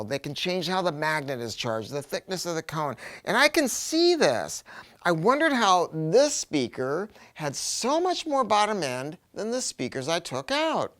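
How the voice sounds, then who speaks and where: Rambling with enthusiasm, a middle-aged American man reviews a product casually in colloquial, emphatic terms. His voice sits on the high side with a fairly bright tone.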